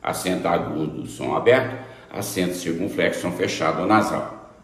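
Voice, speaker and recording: A man's voice: low voice, moderate pace. A man teaching a grammar lesson, emphatic, repeating examples and checking in with students. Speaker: Portuguese teacher. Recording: very echoey room.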